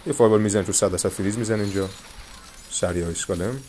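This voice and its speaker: Low-voiced man coaching through a mobile game. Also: slight background noise. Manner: coaching viewers, calm reassurance. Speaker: gaming channel host. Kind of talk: live gameplay commentary with tips.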